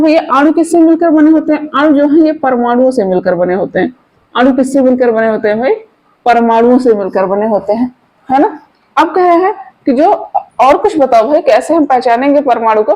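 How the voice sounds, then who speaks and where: A woman teaching a chemistry lesson online, chatty and informal, often asking her viewers quick questions and coaxing them to answer. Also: sits high, warm tone, poor audio.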